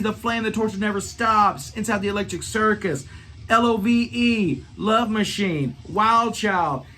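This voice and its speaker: A man runs a rock review channel, and his voice is extremely high. He talks excitedly about a concert, swearing as he goes and singing snatches of the songs.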